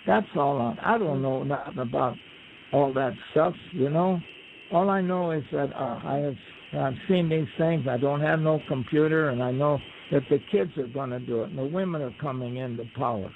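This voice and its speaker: A man's voice: fairly high pitch, moderate pace, gravelly. A man guest telling stories in a folksy, rambling way, acting out quoted voices. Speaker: guest storyteller. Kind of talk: relaxed conversational storytelling. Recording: tinny phone line with faint hiss.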